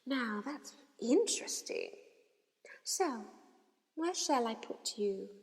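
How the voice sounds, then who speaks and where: Brief: woman reading as a sly old talking hat, slow breathy whispers, sudden high shouted calls, long reverb behind. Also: very animated, full character voice. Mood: musing. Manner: slow hushed whispering, booming shouted verdicts.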